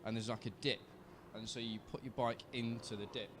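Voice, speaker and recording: British man, co-commentator, mid-pitched voice, relaxed explaining, noisy outdoor track. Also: a little fast. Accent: British English. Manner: relaxed, explanatory, many fillers. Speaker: co-commentator and rider. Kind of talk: live race commentary. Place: outdoors at a racetrack.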